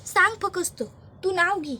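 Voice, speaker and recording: A woman's voice: extremely high pitch, unhurried, pushed and bright, slight background noise, pitched above the performer's own voice, heavily acted. A woman voicing a scheming older village mother-in-law in a serial recap, with rustic fussing speech. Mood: coaxing. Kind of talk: reading a character's lines in a serial recap.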